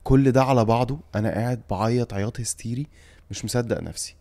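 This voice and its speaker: Speaking fast with a warm, mid-range voice and fairly even intonation, the young Egyptian guest animatedly tells a story on a podcast. He is a singer and actor with an Egyptian Arabic accent. His telling is emotional and vivid, full of emphatic repeats.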